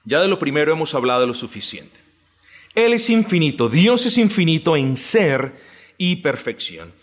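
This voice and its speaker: Man teaching a sermon, slow emphatic words. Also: a little high, very animated. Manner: deliberate, stretches key words slowly for emphasis; addresses listeners as brothers, asks and answers own questions. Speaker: pastor teaching doctrine.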